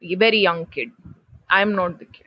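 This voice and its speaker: A woman's voice: on the low side, normal speed. A woman with an Indian accent chatting casually on a podcast, on a dull, roomy recording. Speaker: podcast participant. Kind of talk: casual chat.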